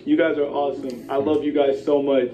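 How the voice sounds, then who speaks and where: A man's voice: medium pitch, little pitch movement, a little fast, warm tone. A young man giving an earnest, emotional speech to his viewers, repeating himself as he thanks them. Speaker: YouTuber thanking his fans. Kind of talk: emotional vlog speech to camera. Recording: roomy, slightly muffled, with music behind.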